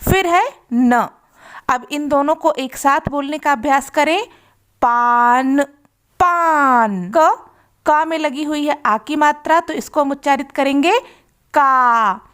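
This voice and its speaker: Slow, high-voiced woman teaching phonics. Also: fairly bright tone. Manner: slow, patient, drawing out sounds. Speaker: Hindi reading teacher. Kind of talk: children's phonics lesson.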